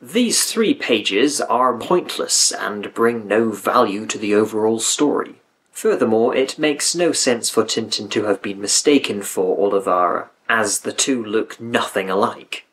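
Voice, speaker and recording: A man's voice: lowish voice, measured pace, a bit bright, rough recording. A man reading scripted review narration with dry, critical asides. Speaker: video essay narrator.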